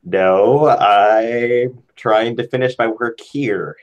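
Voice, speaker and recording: A man voicing a fussy tinkerer who is busy with his work and speaks brisk and matter-of-fact. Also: medium pitch, lo-fi sound, pitched above the performer's own voice. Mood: impatient.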